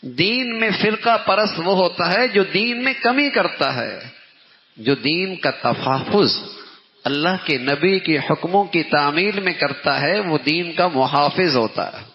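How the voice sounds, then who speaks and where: A man's voice: on the high side, slight background noise. A man giving a Ramadan sermon lecture as a religious teacher, emphatic and repeating phrases for stress, recorded in a mosque hall. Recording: dull lo-fi sound with long hall reverb.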